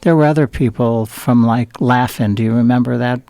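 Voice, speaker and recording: A man's voice: mid-range voice, fairly even intonation, moderate pace, mellow, dry recording. An older man from Southern California, a guest in an interview, telling rambling stories with many fillers and restarts. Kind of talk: interview storytelling.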